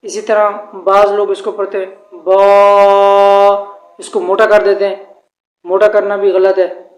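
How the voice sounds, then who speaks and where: A man teaching a tajweed pronunciation lesson, speaking slowly and formally and drawing out the letters he demonstrates. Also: high voice, little pitch movement, faint music behind. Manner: slow, formal address with drawn-out demonstrated letters. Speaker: Quran recitation teacher. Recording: echoey room.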